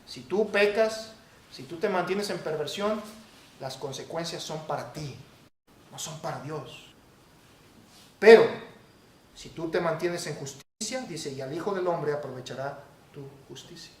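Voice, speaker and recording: A man preaching a sermon as pastor, emphatic and building to forceful peaks. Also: on the high side, lively intonation, unhurried, long pauses, far from the mic. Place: church hall. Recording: echoey church hall, faint noise.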